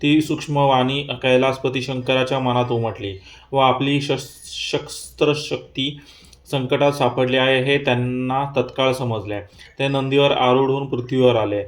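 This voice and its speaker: A man reading a devotional scripture chapter aloud in a steady recital, with small slips and fillers. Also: mid-range voice, unhurried. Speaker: reader of scripture.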